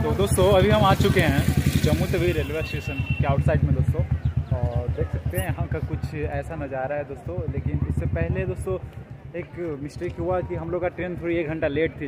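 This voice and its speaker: This casual travel vlog comes from a young man who talks into his phone camera at arm's length, first aboard a train and then outside at a crowded railway station. He is chatty, his voice sits a little high, and he repeatedly addresses his viewers as friends. The moving train and the station make loud background noise.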